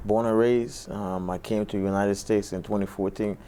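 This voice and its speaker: A man's voice: lowish voice, fairly even intonation, moderate pace, dark tone, slight background noise. A man from Barbados, a boxer answering interview questions in a laid-back way with short answers and fillers in a studio. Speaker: boxer guest.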